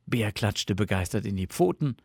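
A man reading a storybook aloud in a soft, lulling narration. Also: lowish voice, very animated, normal speed, creaky, husky, no room sound, studio quality. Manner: soft, lulling with sound words.

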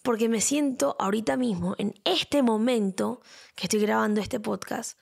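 A young woman hosting her own podcast, chatting in an expressive way and repeating words for emphasis. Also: fairly high pitch, normal speed, vocal fry. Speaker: podcast host. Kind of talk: casual solo podcast talk.

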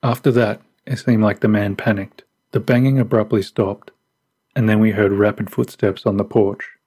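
Give me a low-voiced man narrating creepy stories in a suspenseful way. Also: steady tone, mellow, breathy edge. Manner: measured, suspenseful. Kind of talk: scripted horror story narration.

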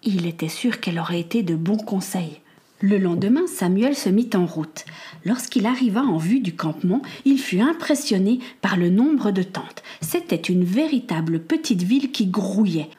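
Calm woman reading a storybook aloud. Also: medium pitch, normal speed. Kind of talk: storybook narration.

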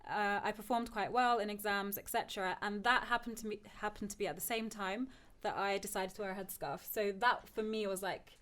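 Here a podcast guest, a PhD student who left Turkey for England at ten, talks personally and reflectively in a relaxed conversation. Her mid-range voice is fairly bright and steady, and her pace is on the quick side.

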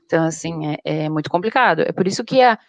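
A young woman, a zookeeper, chatting casually and telling stories in an animated way. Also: lowish voice, fast, gravelly, no echo. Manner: animated storytelling. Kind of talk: casual chat.

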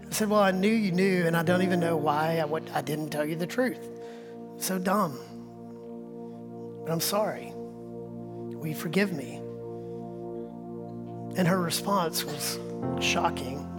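Pastor preaching over soft music. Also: male voice, on the high side, slow pace, long pauses. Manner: storytelling with acted-out dialogue, swinging between quiet whispers and louder bursts. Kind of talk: sermon. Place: church.

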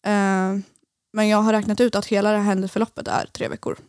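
A woman's voice: mid-range voice, level tone, a little mellow, clear, resonant tone, no room sound, studio quality. A young woman guest on a podcast, telling a personal story in hesitant casual conversation with many fillers.

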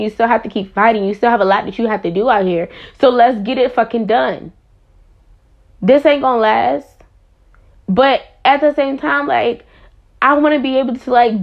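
A woman's voice: a little high, dull audio. Impassioned, blunt young woman venting. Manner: impassioned, blunt, swears freely. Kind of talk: candid personal monologue.

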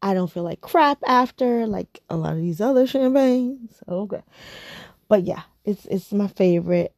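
Gravelly, dark-voiced woman chatting casually. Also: medium pitch, animated, moderate pace, no echo, clean studio sound. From United States. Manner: chatty, rambling, repeats herself, laughs often. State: tired, yawning. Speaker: vlogger. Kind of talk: casual chat to camera.

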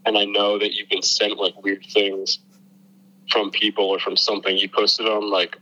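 A man's voice: lowish voice, monotone, normal speed, sharp tone. A man on a phone call over speakerphone, chatting casually and denying things firmly in a laid-back way. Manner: laid-back, says dude, firm denials. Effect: heard over a phone on speakerphone. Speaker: friend called on speakerphone.

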